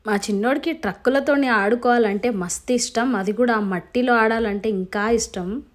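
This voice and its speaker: A woman, a vlogging mother who gently coaxes and soothes her child, then chats to the camera. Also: on the high side, normal speed, faint music behind. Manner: gentle, coaxing.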